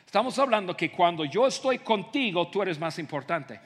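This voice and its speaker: A man preaching a sermon in an auditorium, animated and acting out little scenes, often repeating words as he stumbles. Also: sits high, normal speed, husky. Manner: animated, acts out scenes, frequent stammered repeats. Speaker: pastor. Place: large auditorium. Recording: reverberant hall.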